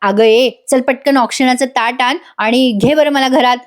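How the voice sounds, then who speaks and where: Woman doing a dramatic filmi young husband, teasing, high pitched. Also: steady tone, moderate pace, close to an everyday voice. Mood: theatrical.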